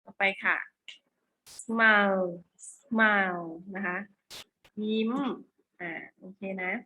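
A woman with a Thai accent teaching an English lesson to primary school children, patiently repeating words slowly for them to say back. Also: medium pitch, fairly even intonation, narrow, tinny audio. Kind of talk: online classroom lesson.

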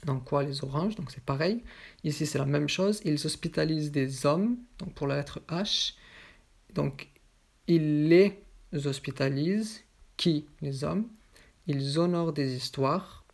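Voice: mid-range voice, measured pace, creaky, slightly rough. A teacher giving a voice-over grammar lesson, working methodically through each example with a question and its answer. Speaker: French teacher.

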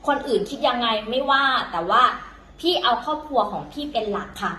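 A woman's voice: on the high side, animated, a little fast, sharp tone, reverberant, slight background noise, poor audio. A woman teaching in a casual, chatty way, full of fillers and self-corrections, talking to viewers as younger siblings. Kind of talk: casual vlog-style lesson.

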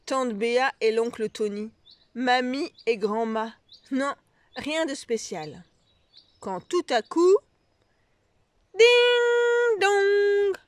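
Woman slowly reading a picture book. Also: a little high. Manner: slow, expressive read-aloud. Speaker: storyteller.

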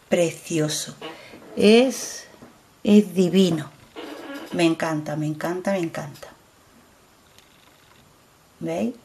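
Slow-talking Spanish woman showing lipsticks. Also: lowish voice, darkish tone, a little hiss or hum. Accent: Spain Spanish. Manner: chatty, repeats herself, keeps urging viewers to look. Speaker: beauty vlogger. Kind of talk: casual product demo.

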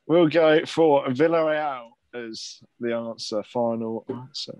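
A man's voice: medium pitch, slow pace, a little mellow, no room sound, poor audio. A man competing in a football quiz, thinking aloud hesitantly with his team. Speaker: quiz contestant. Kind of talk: casual team discussion.

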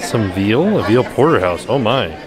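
A man's voice: on the low side, sing-song, moderate pace, a crowd in the background. A man vlogging casually, chatting enthusiastically about menus and food as he walks around. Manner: chatty, enthusiastic food commentary with frequent "ooh". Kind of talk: casual vlog narration. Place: outdoor shopping plaza and indoor restaurant.

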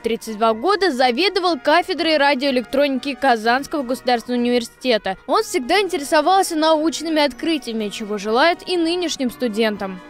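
A woman reporter delivering scripted news narration in a steady, even read. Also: sits high.

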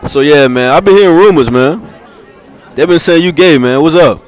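Heading to class through the school hallways and grounds, a teen boy vlogs casually and jokes his way through interviews, slangy, relaxed, and quick to laugh. He sits on the higher side in pitch and speaks at a moderate pace, with a faint crowd behind him.

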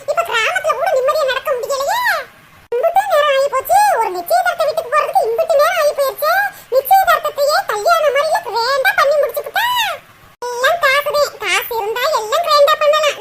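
A woman voicing a fussy middle-aged village mother who grumbles and turns shrill when flustered, with a Tirunelveli Tamil accent. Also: fairly bright tone, a little hiss or hum.

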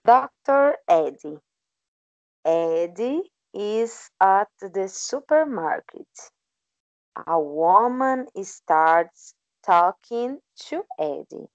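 Slow, careful woman student. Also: mid-range voice, expressive, dry recording, muffled recording. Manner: slow, careful, hesitant reading aloud. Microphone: video call.

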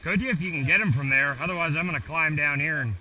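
A young man with a high, very bright voice talks casually while fishing from rocky seaside boulders. The sound comes from a head-mounted action camera, so he sounds a little distant, with faint surf behind him. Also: quick pace. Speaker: angler filming himself. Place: rocky jetty by the sea, outdoors.

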